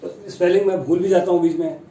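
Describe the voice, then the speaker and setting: A man teaching the pronunciation of long English words, chatty and self-deprecating, slowly sounding out each word. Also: high-pitched, steady tone, dark tone, echoey room, far from the mic, a little hiss or hum, poor audio. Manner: slow, careful spelling-out of long English words. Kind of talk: Hindi-language pronunciation lesson.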